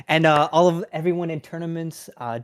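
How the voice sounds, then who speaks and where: A young host wraps up an esports stream in an upbeat, giggly way. The voice is mid-pitched and casual. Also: level tone, a little fast, clean tone.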